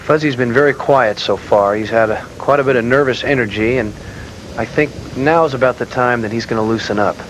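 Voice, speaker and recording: A man's voice: mid-range voice, brisk, background noise. A man giving conversational colour commentary as a golf commentator on a live broadcast.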